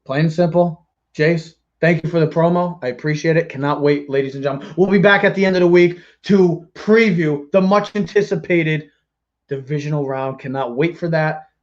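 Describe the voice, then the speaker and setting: A man hosting a casual sports podcast, excitable and joking, often getting loud. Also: on the high side, normal speed. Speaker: podcast host. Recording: dull lo-fi sound.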